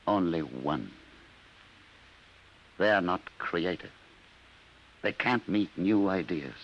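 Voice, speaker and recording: Guilt-ridden inventor, very deep and gravelly, old radio hiss. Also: male voice, animated, slow pace, muffled recording, full character voice. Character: remorseful male inventor, grave and weary. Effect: old radio recording. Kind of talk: 1950s radio drama acting. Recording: hissy old radio broadcast.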